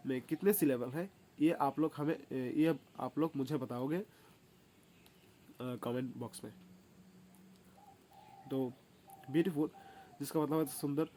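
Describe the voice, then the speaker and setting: A man explaining a grammar lesson in a casual way, pausing often with filler sounds and correcting himself, and reading the rules out slowly. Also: a little high, mellow, slight background noise. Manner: hesitant, many filler sounds and self-corrections; reads English rules slowly and deliberately. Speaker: English teacher.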